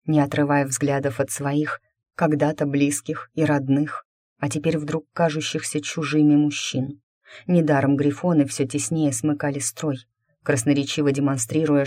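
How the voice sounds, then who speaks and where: This is a steady audiobook reading of a fantasy novel, with the characters' lines only lightly voiced. The tone is dark and mellow. It sits close on a dry mic with no room around it. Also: mid-range voice, no room sound. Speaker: audiobook reader. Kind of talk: scripted fantasy narration.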